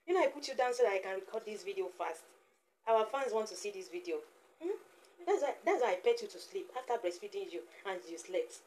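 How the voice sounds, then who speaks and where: A woman's voice: mid-range voice, lively intonation, brisk, a little mellow. A woman, chatting playfully in a casual vlog and cooing teasingly at her baby. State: sweating, flustered. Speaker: vlogger, mother of a baby.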